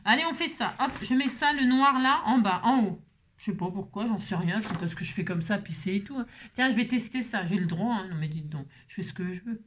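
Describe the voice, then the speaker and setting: In a mid-range, fairly bright voice, the crafting host talks fairly quickly at her home table, recorded by a camera on the table. Her chat is casual and rambling, full of side comments to viewers.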